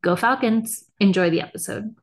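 A woman's voice: medium pitch, normal speed. A woman in her thirties hosting a casual pop culture podcast, chatting in a conversational way. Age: 30s. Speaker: podcast host.

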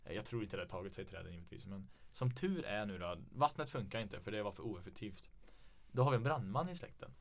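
Young man, podcast host, low voice, casual swearing storyteller. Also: animated. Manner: laid-back storytelling with frequent swearing. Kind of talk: casual chat.

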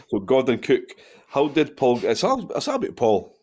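Medium in pitch but with huge swings, his tone is darkish with a breathy edge. He's a thirty-something Scottish host of an informal football podcast, quick to laugh, full of banter, and working through listener questions.

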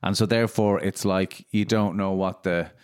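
A man's voice: deep voice, steady tone, a little mellow, clear, resonant tone, dry recording, studio quality. An Irish man in his thirties co-hosting a podcast, asking questions and agreeing in casual chat. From Ireland. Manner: interjects with questions and quick agreement. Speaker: podcast co-host.

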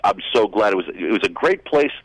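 A man's voice: fairly low pitch, animated, fairly quick, dry recording, poor audio. A man in his sixties from Boston, chatting as a guest on a radio show and telling stories with dry jokes. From Boston, USA. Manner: chatty, joking storyteller. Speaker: guest musician. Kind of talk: casual radio interview by phone.

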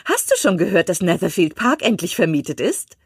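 A fussy, excitable mother pushes her husband in shrill, breathless bursts, as a woman reads her in an audiobook. Her voice leaps high and swoops widely, with a husky grain. The recording is dry and close. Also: fairly quick, dry recording, heavily acted. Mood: excited, insistent. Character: fussy excitable middle-aged mother, matchmaking. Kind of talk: audiobook reading.

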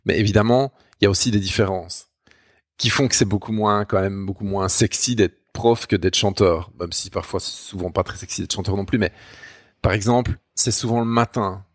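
A man's voice: lowish voice, steady tone, brisk, no room sound, studio quality. A man with a Belgian accent from Namur, a university teacher chatting casually and mocking himself, with many restarts. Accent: Namur Belgian French. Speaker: university Spanish teacher, guest. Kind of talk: casual podcast chat.

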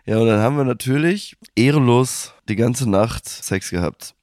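A young man co-hosting a podcast, telling a story in casual slangy chat and acting out the quotes with big jumps in pitch. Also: normal speed, darkish tone, no room sound, studio quality. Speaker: podcast co-host.

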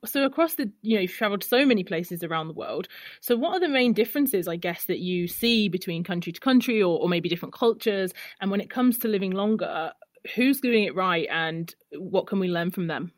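A woman's voice: mid-range voice, expressive, fairly quick, dry recording. Chatty woman podcast host, dry sound. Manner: chatty, storytelling, repeats words. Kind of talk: casual interview chat.

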